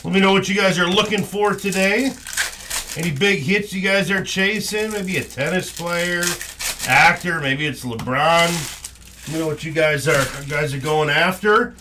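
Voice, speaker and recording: A man with a somewhat high voice hosts a live card-opening stream. He talks casually and in an upbeat, informal way to his viewers. Clear noise of crinkling and clicking packs runs through the recording. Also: measured pace. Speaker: card break host.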